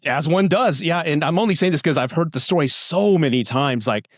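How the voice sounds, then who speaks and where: A man's voice: a little high, animated, fairly quick, no room sound, studio quality. A man hosting a podcast in casual chat, giving frank, profane advice in a teasing way.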